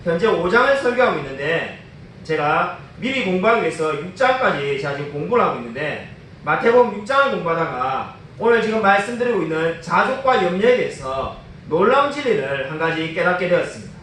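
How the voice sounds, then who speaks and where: A man's voice: sits high, very animated, fairly quick, a bit bright, a little hiss or hum. A man preaching a sermon as a pastor in a church, with emphatic delivery and many rhetorical questions. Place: church sanctuary. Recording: echoey church, mic at a distance.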